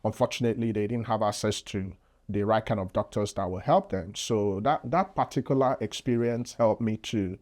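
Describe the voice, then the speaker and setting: A man with a Nigerian accent speaks in a fairly low voice. He talks as a podcast guest, explaining things earnestly and patiently, with many fillers and restarts in a casual interview. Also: moderate pace, a little mellow. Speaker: podcast guest, public health physician.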